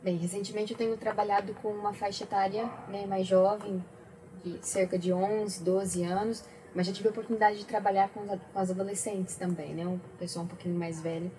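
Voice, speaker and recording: A woman who is a teacher and mother, speaking in a measured, thoughtful way as a guest on a talk show. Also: medium pitch, flat delivery, warm tone, a little hiss or hum, low-quality recording. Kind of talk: casual talk show chat.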